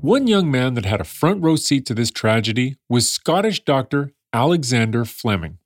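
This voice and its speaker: A man's voice: mid-range voice, sing-song, moderate pace, no echo, clean studio sound, soft background music. A man narrating a scripted story in a conversational way, with wry asides to the listener. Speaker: podcast narrator.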